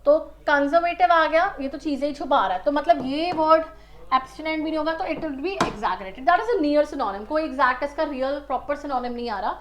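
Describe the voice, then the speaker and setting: Indian woman exam tutor, high pitched, spells words out, patient step-by-step explainer. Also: normal speed. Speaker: exam prep teacher. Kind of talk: online lesson, mixing English and Hindi.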